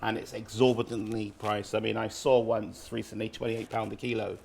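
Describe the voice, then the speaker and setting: A man's voice: fairly low pitch, little pitch movement, a little fast, gravelly, darkish tone, a little hiss or hum. A man from Barbados, casually explaining dishes as a street-food cook in a cooking demonstration. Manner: informal, explanatory.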